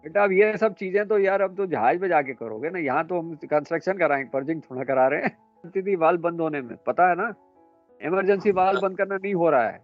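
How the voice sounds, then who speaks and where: A man lecturing students in a classroom, brisk and a little scolding as he quizzes them. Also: high voice, expressive, lo-fi sound, faint music behind. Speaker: instructor.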